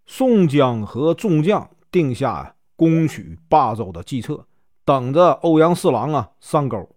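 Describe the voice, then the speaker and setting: A man's voice: fairly high pitch, big pitch swings, unhurried, a little mellow, no echo, clean studio sound. A man telling a classic novel in a casual storyteller's way, sprinkling filler particles between phrases.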